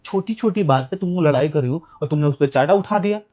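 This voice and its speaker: A man's voice: a little high, fast, natural voice. A man playing an elder brother who scolds his wife and sister-in-law for fighting, in an amateur family drama. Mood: scolding. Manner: lecturing, scolding. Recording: dull lo-fi sound with faint music.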